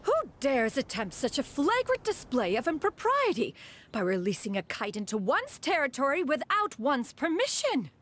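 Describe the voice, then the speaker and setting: A woman's voice: sits high, huge pitch swings, normal speed, fairly bright tone, exaggerated voice. A woman voicing a proud, imperious immortal master in a video game, speaking with haughty, formal, archaic phrasing. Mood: indignant.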